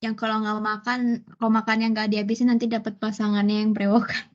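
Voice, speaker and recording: A woman's voice: fairly high pitch, completely flat delivery, fast, slight background noise. A young woman chatting and teasing her classmates, in a playful way. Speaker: student in group discussion. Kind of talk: casual chat. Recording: dull, lo-fi call audio.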